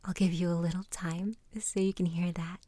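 A woman guiding a relaxation exercise in a soft, soothing ASMR whisper, breathy and gentle, close to the microphone. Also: on the low side, little pitch movement, dry recording. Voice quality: breathy, unvoiced. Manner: slow, unhurried instructing with pauses.

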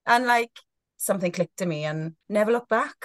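A woman in her thirties speaks candidly as a podcast guest, her voice at a middle pitch. She talks frankly and expressively, often circling back and restarting her sentences. The recording is dry and close. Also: normal speed, no room sound.

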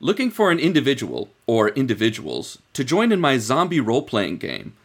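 A man's voice: medium pitch, wildly swooping pitch, normal speed, breathy edge. A man co-hosting a comedy podcast with casual, joking banter. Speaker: podcast co-host.

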